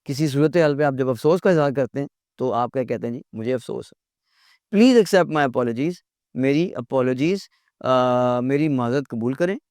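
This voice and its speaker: A man's voice: medium pitch, moderate pace, darkish tone, smooth, no room sound, clean studio sound. A middle-aged man teaching an English lesson, earnest and repeating words to drill them in.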